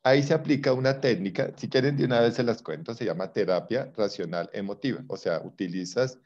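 A man's voice: mid-range voice, fairly quick, a little mellow, highs cut off. A man teaching a psychology class, explaining with playful examples and teasing his students. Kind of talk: online class lecture.

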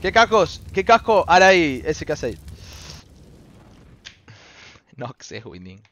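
A young Argentine man co-casting an esports match, shouting and laughing at the plays in slangy live commentary. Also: on the high side, big pitch swings, drawn-out words.

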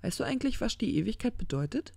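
Reader doing a tipsy demon, smug, rambling, gravelly, dark, dry close sound. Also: medium pitch, sing-song, no room sound, voice pushed up. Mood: insistent. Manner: slurred, halting drunken ramble. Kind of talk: audiobook character reading.

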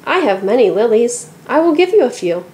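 A laid-back young boy from next door speaks in a storybook, voiced by a woman reading aloud. His tone stays relaxed and matter-of-fact. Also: fairly high pitch, brisk. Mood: generous. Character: easygoing young neighbor boy.

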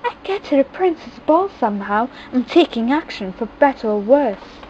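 A woman's voice: high-pitched, lively intonation, moderate pace, warm tone, lo-fi sound, slight background noise. A woman voicing a plucky young skeleton heroine from a storybook, determined and eager.

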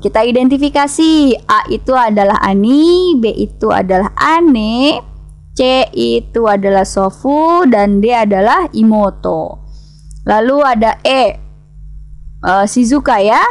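A woman teacher giving a recorded language lesson, explaining step by step and mixing in Japanese classroom phrases. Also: a little high.

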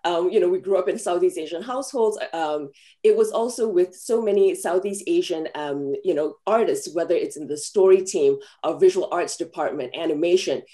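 A woman's voice: on the low side, normal speed, mellow. A woman from Malaysia, a film screenwriter, answering press questions over a video call in an earnest, thoughtful way with many fillers. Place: home room, video call.

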